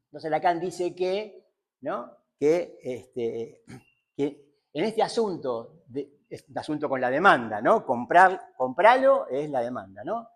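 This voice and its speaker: A man giving a seminar lecture on psychoanalysis, thinking aloud with many fillers and repeated tag questions. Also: a little high.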